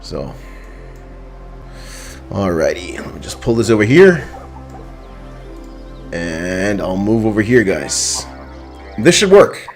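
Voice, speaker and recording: A man's voice: lowish voice, very animated, slow pace, long pauses, soft background music. A man co-hosting a live online show, talking in a loose, chatty way with plenty of fillers. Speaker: co-host. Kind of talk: casual live-stream chat.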